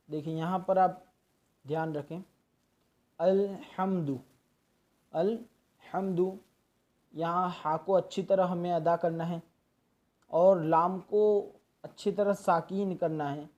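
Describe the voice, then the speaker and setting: A man giving a patient, step-by-step lesson on Quran recitation, stopping often to demonstrate drawn-out chanted verses. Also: on the high side, a little mellow. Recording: dull lo-fi recording.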